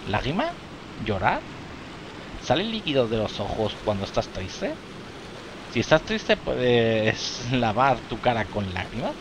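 A man's voice: mid-range voice, sing-song, measured pace, background noise. A man reading aloud the lines of a small, curious alien creature that speaks of itself in the third person. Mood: puzzled. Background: game music.

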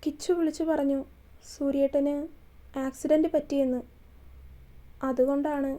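A woman's voice: sits high, flat delivery, moderate pace, mellow, close to an everyday voice. A woman voicing a shy, stammering young woman. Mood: timid. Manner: hesitant, stammering.

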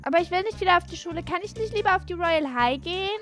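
A woman's voice: very high voice, racing, a bit bright, faint music behind. A woman voicing a cheeky, defiant baby girl in a Roblox role-play, whiny and chatty. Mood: bratty. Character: bratty, cheeky baby girl expelled from school.

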